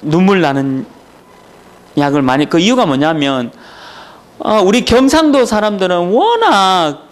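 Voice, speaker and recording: Male pastor, Daegu accent, high lively voice, jokey sermon delivery. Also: measured pace, pauses often. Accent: Daegu Gyeongsang dialect. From Daegu, South Korea. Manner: animated, joking, chuckling storyteller. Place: church training session.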